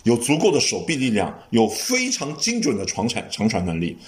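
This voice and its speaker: A man hosting a casual sports podcast chat, giving long lively explanations with frequent restarts. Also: mid-range voice, fairly quick. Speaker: podcast host.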